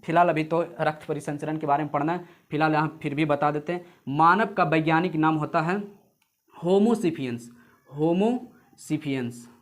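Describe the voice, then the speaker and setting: A man teaching an exam-prep lesson, repeating points over and over and calling viewers "friends". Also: fairly high pitch. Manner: repetitive drilling, addresses viewers as friends; explains memory tricks with jokes and sung snippets. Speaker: coaching teacher.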